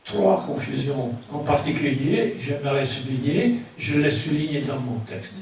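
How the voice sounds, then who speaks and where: An older man, a non-native French speaker with a foreign accent, giving a public lecture in a halting way, searching for his words. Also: a little high, expressive, a little mellow. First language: not French. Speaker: guest speaker, book author. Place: large echoing room at a public conference. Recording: very echoey hall, distant mic, faint noise.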